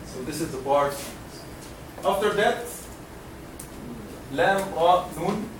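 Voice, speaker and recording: This Egyptian teacher's voice sits high, animated yet slow, as he leads a Quran recitation class. Each sound is patiently demonstrated, then echoed by his students in call-and-response drills, captured by a distant mic in a noisy, reverberant lecture room.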